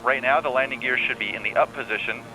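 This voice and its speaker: Male air traffic controller, forward bright tone, patient and reassuring guidance, over slightly noisy radio. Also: mid-range voice, fast. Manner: calm, reassuring, step-by-step instructions. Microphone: radio transmission. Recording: air traffic radio with faint hum and noise.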